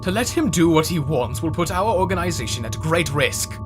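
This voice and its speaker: A man's voice: a little high, animated, moderate pace, lightly acted. A man playing a proud, ambitious military general in a fan comic dub, with a haughty, intense delivery. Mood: indignant, urgent. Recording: music behind the voice.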